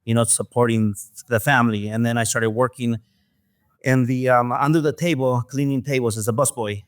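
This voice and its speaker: A man from Mexico, a guest in an interview, talking in a soft, hesitant way with many fillers. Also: medium pitch, fairly even intonation, moderate pace, clean tone, dry recording, clean studio sound. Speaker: guest, restaurant owner. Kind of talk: casual interview talk.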